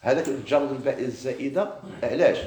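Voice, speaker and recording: Moroccan guy teaching grammar, talks quick, keeps quizzing the class, roomy echo. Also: mid-range voice, darkish tone. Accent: Moroccan Arabic. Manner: explains step by step, quizzing students with questions. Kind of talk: classroom lesson.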